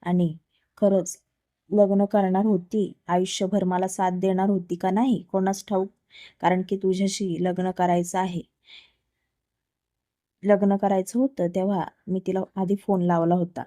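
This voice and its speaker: A woman's voice: medium pitch, flat delivery, measured pace, dark tone, dry recording, clean studio sound, lightly acted. Woman doing a teasing young husband. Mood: earnest. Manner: teasing, affectionate.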